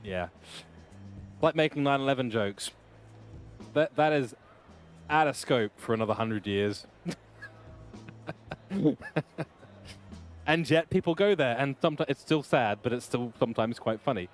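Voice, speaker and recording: A man's voice: medium pitch, lively intonation, unhurried, long pauses, faint music behind. A man streaming a racing game and chatting casually. He rambles in a jokey way and often corrects himself. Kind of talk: casual chat while racing. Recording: loud race car engine noise.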